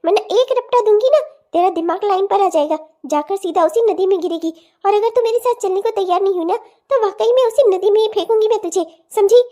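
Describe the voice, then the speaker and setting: A woman's voice: very high voice, fairly quick, few pauses, warm tone. A scheming, greedy cartoon mother. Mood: harsh, threatening. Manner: sly and gloating, snapping into harsh threats. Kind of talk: cartoon voice acting.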